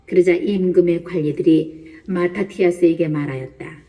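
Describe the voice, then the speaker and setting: A woman narrating a Bible reading in a calm, measured way. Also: lowish voice, recorded from a distance.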